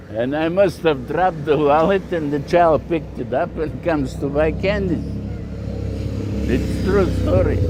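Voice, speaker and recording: An older Bulgarian shopkeeper with a Bulgarian accent is being interviewed, telling anecdotes in a casual, plain manner. His voice is fairly high, and there's background noise in the clip.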